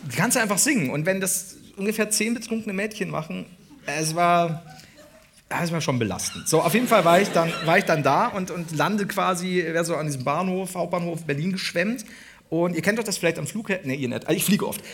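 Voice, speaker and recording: A man co-hosting a comedy podcast live on stage, telling an animated anecdote with laughter and acted-out voices. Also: sits high, brisk, background noise. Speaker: podcast co-host. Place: on stage before a live audience in a large hall.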